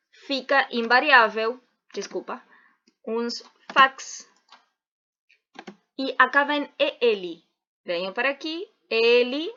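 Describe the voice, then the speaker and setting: A woman teacher explains plural endings in a slow, deliberate online lesson, spelling out letters one by one. Her voice is bright and a little high. The video audio sounds dull and lo-fi.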